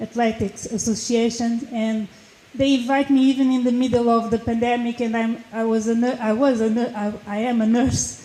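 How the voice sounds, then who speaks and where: Higher-voiced woman from the Azores. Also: dark tone, slight background noise. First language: Portuguese. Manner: casual, halting, occasional laughs. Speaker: panelist, football association board member. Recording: echoey room with faint ambience.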